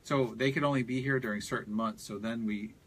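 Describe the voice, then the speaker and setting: A man's voice: mid-range voice, fairly even intonation, fairly quick. A man working as a landscape designer, explaining garden design in casual radio talk and often saying "you know".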